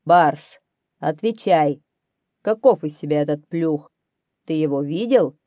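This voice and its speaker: A woman voicing a proud male lion who rules the forest, in a storybook reading, speaking loudly and firmly. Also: low-pitched, lively intonation, slow, no echo, clean studio sound. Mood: commanding. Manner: loud, firm, commanding.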